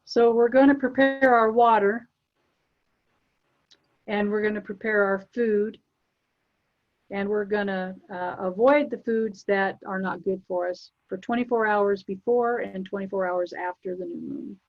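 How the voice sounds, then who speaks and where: A soft-spoken woman gently walks listeners through spiritual preparations in a relaxed chat, her voice often fading at the ends of phrases. The sound is muffled and lo-fi, like an online call. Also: medium pitch, measured pace. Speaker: spiritual channeler. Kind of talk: casual spiritual guidance chat.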